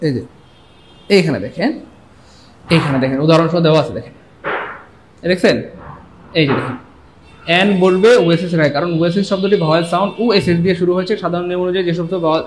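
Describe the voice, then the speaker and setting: A male English grammar teacher giving a live online class, animated and joking, and urging viewers to comment. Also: a little high, slight background noise.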